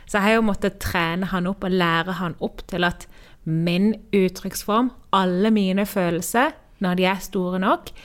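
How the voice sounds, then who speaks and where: A woman from Norway co-hosting a podcast, telling personal stories in a candid, animated way. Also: on the low side. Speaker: podcast co-host. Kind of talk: casual podcast conversation.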